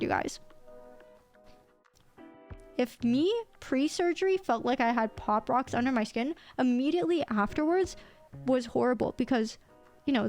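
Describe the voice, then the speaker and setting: A young woman chats through a live stream in a rambling, self-teasing way. Her voice sits a little high and somewhat nasal, with a slight lisp and a hint of a cold. Soft music plays faintly behind her. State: a little sick. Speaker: VTuber streamer. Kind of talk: casual live-stream chat.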